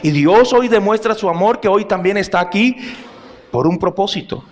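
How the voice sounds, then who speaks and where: Man preaching with a high voice. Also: animated, moderate pace. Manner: preaching to a congregation, with anecdotes and questions to the listeners. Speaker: pastor. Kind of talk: sermon.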